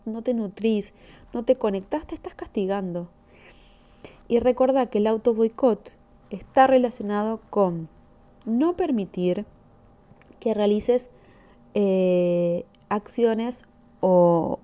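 A mellow-voiced woman with an Argentine accent hosts a self-help podcast. She speaks as a therapist in a gentle, encouraging monologue aimed straight at the listener. Her tone is soft and dark rather than bright. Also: mid-range voice.

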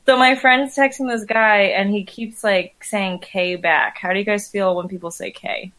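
A woman's voice: medium pitch, fairly even intonation, moderate pace, fairly bright tone, poor audio. A woman in her twenties, chatting playfully and defensively as a podcast co-host among male friends. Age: 20s. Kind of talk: casual group chat.

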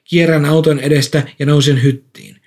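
Man calmly reading a story. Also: fairly high pitch. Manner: calm, measured storytelling. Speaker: narrator. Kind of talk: first-person story reading.

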